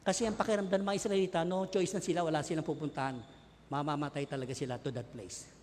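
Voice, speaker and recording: A male pastor preaching a sermon, swinging between hushed, low passages and loud cries. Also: steady tone, fast, in a large hall, a little hiss or hum. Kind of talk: Taglish sermon.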